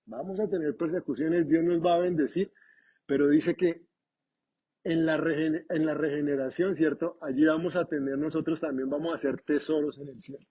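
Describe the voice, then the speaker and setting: A man preaching a sermon in an animated, conversational way with humor. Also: fairly high pitch, normal speed, husky, highs cut off. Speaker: pastor.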